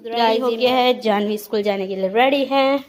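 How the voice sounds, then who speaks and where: A young woman, a mother narrating her family's morning routine in a casual, bustling vlog. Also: fairly high pitch. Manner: bustling and hurried, talks to viewers while cooking. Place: home kitchen. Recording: echoey room with clattering dishes.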